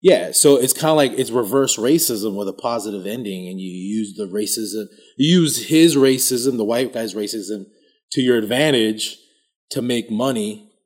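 A man's voice: mid-range voice, normal speed, darkish tone. A man co-hosting a casual comedy podcast, laid-back and analytical, trailing off with fillers. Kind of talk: casual chat.

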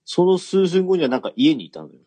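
A man's voice: on the high side, very animated, fast talker, warm tone, no echo. A man co-hosting a podcast, telling an anecdote in casual chat, rambling with many fillers and restarts. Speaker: podcast co-host.

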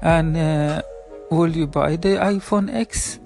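Hosting a laid-back solo podcast over soft background music, a man in his twenties from Sweden, a native Spanish speaker with a Swedish accent in English, talks slowly. His voice is fairly high and darkish with vocal fry, and he's hesitant, with plenty of fillers and apologies.

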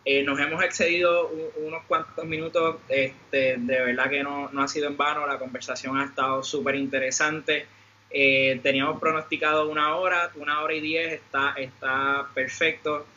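A man moderating a panel in a polite, halting way. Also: on the high side, flat delivery, pushed and bright, dull audio. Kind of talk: moderating, closing remarks.

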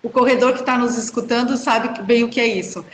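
A woman, a journalist and runner, telling stories in a chatty, animated way as an interview guest. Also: fairly high pitch, fairly quick, echoey room, a little hiss or hum. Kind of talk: casual interview chat.

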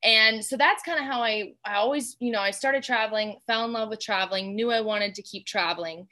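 Young woman from Georgia, twenties, guest; chatty, high and bright. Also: fairly quick. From Georgia, USA. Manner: bubbly, chatty, many fillers like "like". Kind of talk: casual interview chat.

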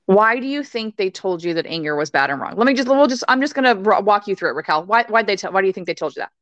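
A woman guest on a podcast, talking intensely and swearing freely, now and then bursting into shouted quotes. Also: medium pitch, expressive, quick pace, no room sound, lo-fi sound. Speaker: podcast guest, rage coach. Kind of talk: emphatic interview talk.

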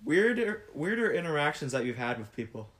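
A man's voice: fairly high pitch, sing-song, fairly quick, a bit bright. A young man co-hosting a casual chat with friends, asking questions, moving topics along and laughing often. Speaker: podcast co-host.

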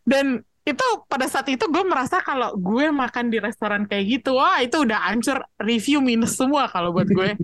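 A woman hosting a casual film chat, expressive and chatty, slipping English phrases in. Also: on the high side, fairly quick, no echo. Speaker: podcast host asking questions.

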